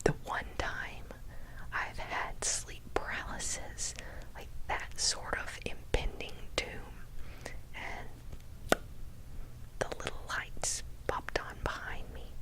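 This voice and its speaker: A woman telling a personal story for ASMR in a breathy, unvoiced whisper, hushed and deliberate, dwelling on key words for suspense. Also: low-quality recording. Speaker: storyteller, ASMR channel host.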